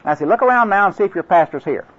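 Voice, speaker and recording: Rapid-fire and husky, the high voice of an older Oklahoman carries lively intonation and an Oklahoma accent. The evangelistic crusade class instructor jokes and drawls through anecdotes in a folksy training talk for class instructors, rambling with lots of restarts. The recording is dull and lo-fi.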